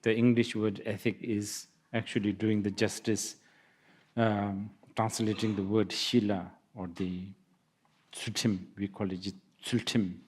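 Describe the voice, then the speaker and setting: Slow, musing male Buddhist teacher. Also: fairly low pitch. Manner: unhurried, musing, with laughs and hesitant restarts. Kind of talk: dharma talk. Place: lecture hall.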